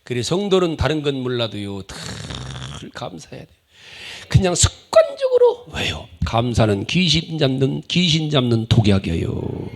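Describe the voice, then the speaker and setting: A male pastor preaching a humorous, animated sermon, acting out the voices he quotes. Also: mid-range voice, unhurried.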